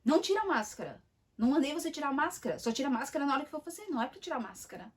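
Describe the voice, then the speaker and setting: A woman's voice: high-pitched, big pitch swings, very fast, distant mic, pitched above the performer's own voice. A woman imitating a curt, impatient female hospital nurse who scolds a patient. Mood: scolding. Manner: snapping, scolding.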